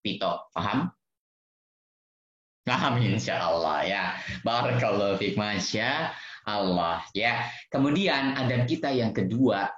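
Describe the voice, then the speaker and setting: Animated man teaching kids. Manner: animated, acts out children's voices with big pitch jumps. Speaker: children's religious teacher. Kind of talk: lively lesson for children over a video call. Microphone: video call. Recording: roomy, dull video-call audio.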